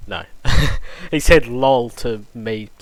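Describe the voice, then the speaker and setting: A man's voice: medium pitch, expressive, moderate pace, fairly bright tone, no echo. Chatty man commentating a race. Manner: chatty, offhand and joking. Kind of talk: casual sim racing stream commentary.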